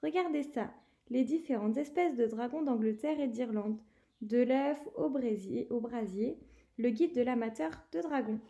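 A woman reading the part of an eager, talkative schoolboy wizard with a lively, emphatic voice. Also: fairly high pitch, moderate pace, gravelly. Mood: boyish.

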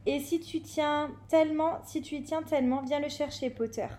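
A spiteful schoolboy bully sneers and taunts his classmates, as a woman reading a storybook aloud puts him on. The voice sits a little lower than her own bright, high narration, and every line drips with mockery. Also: steady tone, moderate pace, lightly acted. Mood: taunting. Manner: mocking, taunting.

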